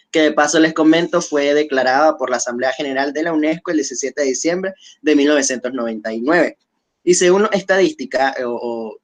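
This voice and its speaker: A man with a somewhat high voice hosts an online webinar panel. He talks in a measured, hesitant way, restarting his phrases and filling pauses. He is speaking over a video call. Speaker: webinar host.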